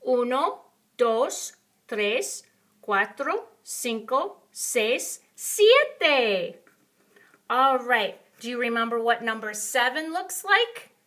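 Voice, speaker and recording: A high-voiced woman in the manner of a kids show host. She teaches little ones slowly, with encouraging praise and sing-song questions addressed straight to them. Her delivery swoops up and down. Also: big pitch swings, sharp tone. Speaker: children's counting teacher and host.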